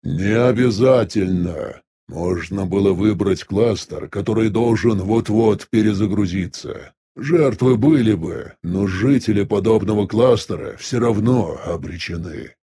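A man voicing an elderly sect elder in an audiobook, speaking in a measured, weary, reflective way with a husky voice. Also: lowish voice, mellow. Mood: weary musing. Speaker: audiobook voice actor. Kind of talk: audiobook dialogue reading.

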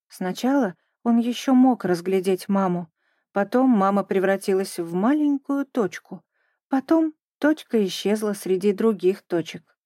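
Mellow woman reading a children's story. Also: medium pitch, no echo, clean studio sound. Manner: gentle, even storytelling. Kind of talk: scripted narration of a children's story.

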